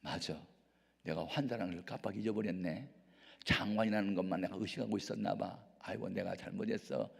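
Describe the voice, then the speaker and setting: A proud army general, as a preacher puts him on, bristling and loud about being slighted, his words booming through a long-echoing hall. His voice climbs high when his anger peaks. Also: fairly quick, vocal fry, husky, exaggerated voice. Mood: contrite. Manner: indignant ranting, later humbled. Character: proud angry male army commander. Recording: reverberant hall.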